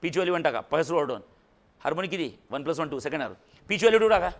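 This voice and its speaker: A man's voice: fairly high pitch, lively intonation, rapid-fire. A man teaching a physics class in a classroom, quizzing and teasing his students with jokes. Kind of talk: classroom lecture.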